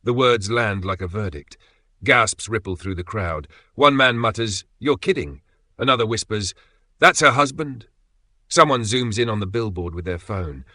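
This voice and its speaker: A man narrating a dramatic story in a steady, measured way with pauses for effect. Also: lowish voice, no echo.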